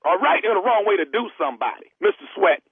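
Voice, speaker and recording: A man's voice: high voice, big pitch swings, quick pace, slightly rough, dry recording. A man making a radio prank call, pushy and needling as he plays a store clerk. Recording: tinny phone line on radio.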